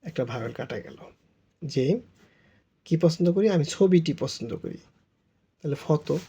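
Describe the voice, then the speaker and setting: A man's voice: fairly high pitch, animated, brisk, dark tone, breathy edge, lo-fi sound. Patient man teaching French grammar. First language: Bengali. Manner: patient, repeats and spells words out. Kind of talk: explaining grammar step by step.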